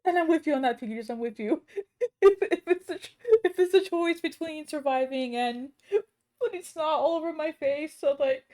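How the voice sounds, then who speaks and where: High, mellow woman reacting live. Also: normal speed. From Alaska, United States. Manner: exclamatory, giggly, full of interjections. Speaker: livestreamer reacting to a video. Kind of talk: casual live reaction commentary.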